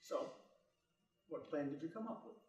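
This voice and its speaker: A man's voice: a little high, lively intonation, normal speed, a little mellow, far from the mic, close to an everyday voice. A man playing a middle-aged, bookish father in an audio drama, wry and loving but volatile, with articulate speech. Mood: measured, probing. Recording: echoey room, off mic.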